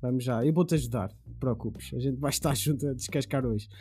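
A man's voice: mid-range voice, quick pace, warm tone, breathy edge, faint music behind. A man hosting a casual football podcast with a playful, wordy way of presenting. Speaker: podcast host.

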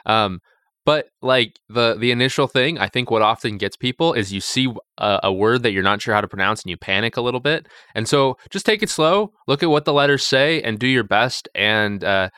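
A man who is a vicar, co-hosting a casual Bible study podcast and thinking aloud with restarts and quick asides. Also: medium pitch, lively intonation, bright, forceful tone, clear, resonant tone, no echo, studio quality.

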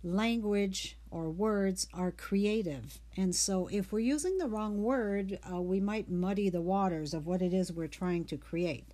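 A woman hosting a reflective talk on the meaning of words, speaking in an unhurried, thoughtful way with fillers. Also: mid-range voice, dark tone.

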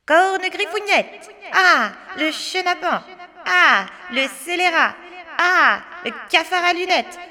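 Cornebidouille, a woman doing a shrill boastful witch. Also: animated, slow pace, bright, forceful tone, in a large hall, heavily acted. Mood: furious. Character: boastful cackling female witch, spiteful.

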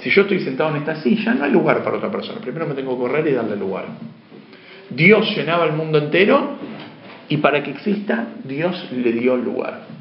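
A man giving a spiritual lecture to a class, asking questions of his listeners and moving between emphatic and hushed speech. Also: a little high, sing-song, a little fast, a little hiss or hum. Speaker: teacher. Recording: dull, roomy lo-fi room sound.

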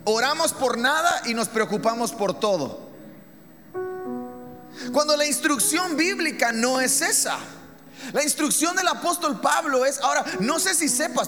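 A man's voice: very high-pitched, lively intonation, measured pace, long reverb tail, over music. A man preaching a sermon as pastor, emphatic, with rhetorical questions to the congregation.

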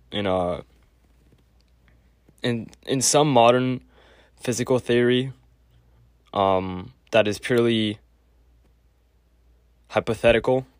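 Man, stuffy clogged nose, slow unhurried talk, low voice, halting with fillers, dry close mic. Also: no room sound. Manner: halting, many fillers and self-corrections. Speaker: podcast host. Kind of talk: casual spoken lecture.

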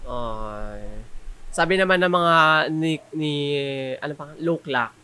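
A man's voice: a little high, animated, slow pace, pushed and bright, clear, resonant tone. A young man co-hosting a podcast, throwing in teasing quips. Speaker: podcast co-host. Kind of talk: casual chat.

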